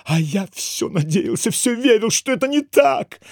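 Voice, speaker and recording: A man's voice: fairly low pitch, wildly swooping pitch, measured pace, vocal fry, voice pushed down, exaggerated voice. A man voicing a scheming con man who fakes a wronged husband in a melodramatic, wailing, theatrical way.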